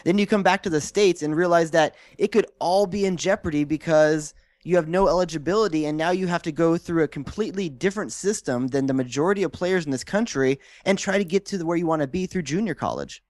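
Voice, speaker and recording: A man hosting a sports radio show, with a voice pitched a little high for a man. He asks his guest long, winding questions, close to a dry microphone. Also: quick pace, hardly any pauses, darkish tone, no echo. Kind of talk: interviewing a guest.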